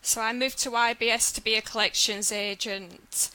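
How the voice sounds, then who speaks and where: A woman's voice: a little high, fairly even intonation, moderate pace, pushed and bright, clear, resonant tone, poor audio. A woman with a Yorkshire accent, a podcast guest who explains her job in a friendly, matter-of-fact way. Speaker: guest, business development manager at a lender. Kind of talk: podcast interview answers.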